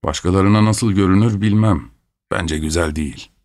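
A man voicing a grumpy old male servant, answering in a soft, husky voice with short, evasive replies. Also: low voice, moderate pace, dry recording, clean studio sound, close to an everyday voice. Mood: curt, grudging.

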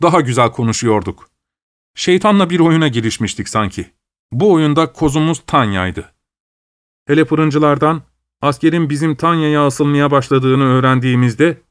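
A man narrating a novel in a steady, measured audiobook style. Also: fairly high pitch, no echo, clean studio sound.

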